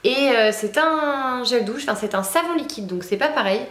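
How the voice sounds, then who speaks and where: A woman's voice: fairly high pitch, animated, normal speed, fairly bright tone, reverberant, a little hiss or hum. A young woman chatting casually about beauty products she has used up, with lots of hesitations and fillers. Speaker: beauty vlogger. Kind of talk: casual product review chat.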